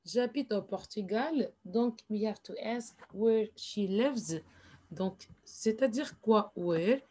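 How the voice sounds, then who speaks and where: A woman teaching in a slow, patient classroom explanation, repeating each phrase and adding English asides. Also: medium pitch, warm tone. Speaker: French teacher.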